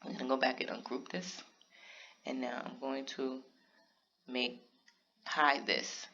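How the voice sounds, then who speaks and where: A man casually narrating a step-by-step craft software tutorial, talking straight to his viewers. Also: mid-range voice, level tone, slow pace, gravelly, dull audio. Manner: casual step-by-step explaining, talks to viewers directly.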